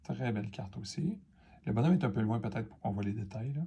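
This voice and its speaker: A man's voice: medium pitch, fairly quick, dark tone, breathy edge. Chatty Quebec man opening cards. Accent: Quebec French. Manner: rambling, many fillers and asides. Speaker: card-opening video host. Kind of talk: casual unboxing chat to camera.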